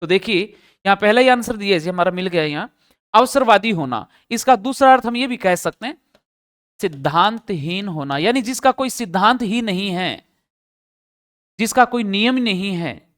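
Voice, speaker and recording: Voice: mid-range voice, lively intonation, normal speed, a bit bright. A teacher in a live test-solution class who explains each answer step by step and poses questions to the students.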